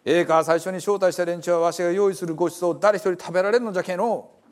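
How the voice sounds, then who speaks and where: A man with a Hiroshima dialect voicing an angry wealthy male banquet host who gives brisk orders. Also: sits high, steady tone, pitched above the performer's own voice, lightly acted. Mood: commanding.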